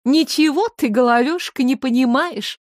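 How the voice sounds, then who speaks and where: A woman's voice: a little high, expressive, unhurried, dry recording, studio quality. A woman voicing a motherly female water spirit who soothes and teases, in a storybook reading. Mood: teasing. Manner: soothing yet sharp-tongued.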